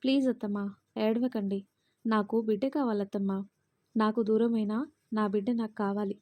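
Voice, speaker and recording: A woman's voice: mid-range voice, fairly even intonation, normal speed, darkish tone, no echo, close to an everyday voice. Woman voicing a grieving, tearful young wife. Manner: tearful, hurt.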